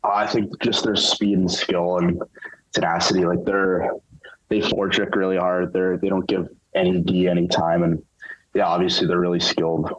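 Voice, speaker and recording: Young man, very low voice, casual halting answers, dull lo-fi sound. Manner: relaxed, halting, lots of fillers. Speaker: interview guest, hockey player.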